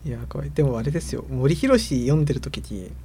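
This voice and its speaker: A man in casual podcast chat, speaking in a relaxed, hesitant way with many fillers. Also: medium pitch, brisk, husky. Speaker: podcast co-host.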